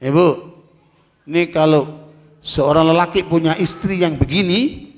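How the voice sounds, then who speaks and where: A man preaching a lively sermon to a group of women, joking and quizzing his listeners. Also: on the high side, a little slow. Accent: Indonesian. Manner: lively, jokey, quizzes the audience. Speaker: Islamic preacher. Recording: echoey hall reverb.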